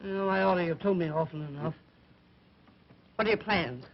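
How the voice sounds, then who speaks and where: An actor playing an excitable, blustery, sardonic businessman in an early talkie film comedy. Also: high-pitched, moderate pace. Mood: wry bluster. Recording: dull, noisy 1930 film soundtrack.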